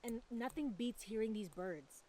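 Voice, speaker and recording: A woman's voice: on the high side, lively intonation, mellow, a little hiss or hum. A woman, chatting in an upbeat, casual way on a vlog. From Canada. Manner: chatty, upbeat, quick to laugh. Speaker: vlogger. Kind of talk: casual chat. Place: countryside home, birds around.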